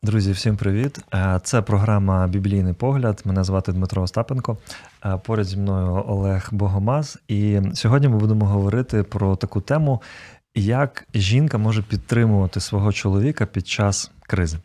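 A man hosting a radio talk show, introducing the program and asking questions in a friendly, relaxed way. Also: on the low side, brisk. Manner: friendly, relaxed, with filler sounds. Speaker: host.

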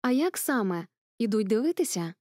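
A woman's voice: a little high, sing-song, moderate pace, a little mellow, dry recording, clean studio sound. A woman voicing a small, curious boy prince in a storybook reading, asking eager questions in a raised voice.

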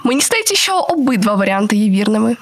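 A woman radio host answering and asking questions in a word quiz with a measured, thoughtful delivery. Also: fairly high pitch, big pitch swings. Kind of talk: language quiz chat.

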